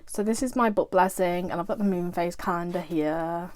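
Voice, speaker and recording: A woman's voice: on the low side, moderate pace, darkish tone, no echo. A woman vlogger in casual show-and-tell chat about her tarot decks, gushing and chatty, full of "like" and praise.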